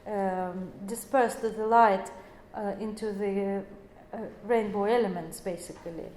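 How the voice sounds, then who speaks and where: A woman's voice: mid-range voice, steady tone, unhurried, a little mellow, slight background noise. A woman in her forties giving an explanatory lecture, speaking English as a with many fillers and self-corrections. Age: 40s. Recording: echoey room.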